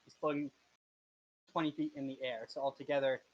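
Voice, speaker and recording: A man's voice: mid-range voice, level tone, brisk. A man running an online tabletop game as game master, explaining the scene with hesitant fillers. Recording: dull lo-fi mic.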